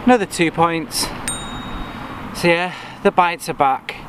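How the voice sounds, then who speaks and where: A man's voice: fairly high pitch, measured pace. A man giving casual vlog commentary outdoors on his own fishing catches. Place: outdoors on a lakeside bank. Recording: noisy outdoor camera recording.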